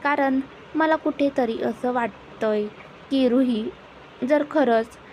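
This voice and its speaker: A woman's voice: sits high, takes it slowly, a little mellow, a little hiss or hum, poor audio. A woman reading the lines of a troubled young man who speaks curtly. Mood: brooding.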